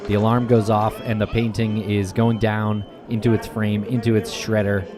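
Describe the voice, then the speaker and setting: A man's voice: fairly low pitch, flat delivery, normal speed, over music. A man co-hosting a podcast, chatting casually, laughing easily and narrating clips as they play. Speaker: podcast co-host.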